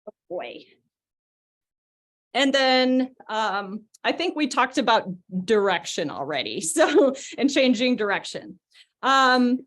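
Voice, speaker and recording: A woman's voice: sits high, a bit bright. A young woman, a dog trainer, explaining stay exercises in a chatty way with frequent giggles, on a video call. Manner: chatty, giggly, gives short cues to a dog. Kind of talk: live online training demo.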